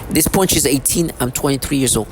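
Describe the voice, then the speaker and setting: Talking quickly, a man in his thirties vlogs an unscripted monologue to camera, agitated and repetitive as he rambles. He has a medium-pitched voice, and there's slight background noise.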